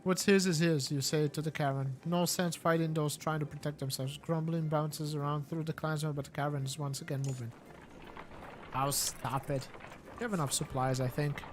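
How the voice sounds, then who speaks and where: A man's voice: fairly high pitch, little pitch movement, moderate pace, slight background noise. A man streaming a story game, reading its text aloud and thinking through choices as he plays.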